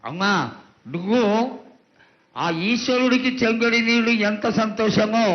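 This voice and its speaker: High-voiced man, reverent priestly pleading. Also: lo-fi sound. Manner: reverent, supplicating, addresses the goddess as mother. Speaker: priest questioning the oracle. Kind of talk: devotional pleading and questioning.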